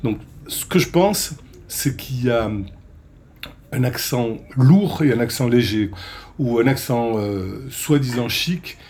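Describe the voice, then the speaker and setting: Mellow man with southern French accent. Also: medium pitch, takes it slowly. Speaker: television presenter. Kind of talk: reflective interview testimony.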